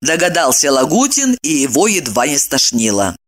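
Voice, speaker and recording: A woman narrating a story aloud, reading in an expressive, dramatic way. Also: sits low, normal speed.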